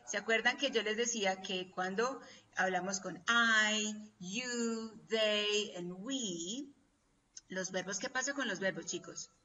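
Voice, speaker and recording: A woman's voice: medium pitch, takes it slowly, sharp tone. A woman teaching a class online, patiently quizzing her students over and over. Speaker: English teacher. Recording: distant, dull lo-fi call audio with faint hum.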